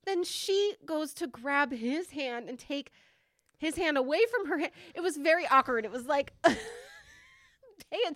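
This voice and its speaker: A woman co-hosting a podcast, chatting casually about a movie, giggly and expressive, saying "like" a lot. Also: high-pitched, moderate pace, dry recording. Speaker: podcast co-host. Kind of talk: casual movie review chat.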